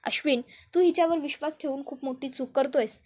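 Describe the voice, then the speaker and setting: A woman's voice: high-pitched, fairly quick, a little mellow, natural voice. A woman voicing a bitter young mother who scolds her former best friend with contempt. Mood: contemptuous.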